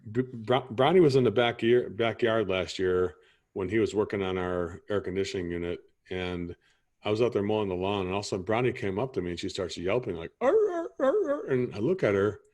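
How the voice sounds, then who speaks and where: Low-voiced man playing a rambling customer. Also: fairly quick, darkish tone, highs cut off. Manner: rambling, keeps asking "you see what I'm saying". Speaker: homeowner customer in a sales role-play. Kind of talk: improvised training role-play.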